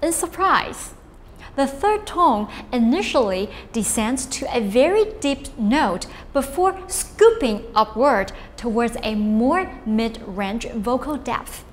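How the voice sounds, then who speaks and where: A woman teaching a lesson on Chinese tones, speaking slowly and clearly and modelling drills for the listener to repeat. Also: a little high, expressive, in a large hall, a little hiss or hum. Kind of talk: scripted lesson narration.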